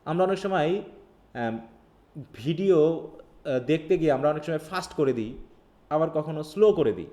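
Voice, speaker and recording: A man's voice: a little high, lively intonation, a little fast, a little mellow. A man teaching a live online linguistics class. He reads lines from a text, then explains them in a casual teaching style. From Bangladesh. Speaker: English literature teacher.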